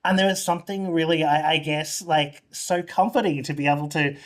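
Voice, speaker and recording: An Australian man hosts an onstage interview. His voice sits a bit higher than most men's. He asks his questions earnestly and pauses to find his words. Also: steady tone.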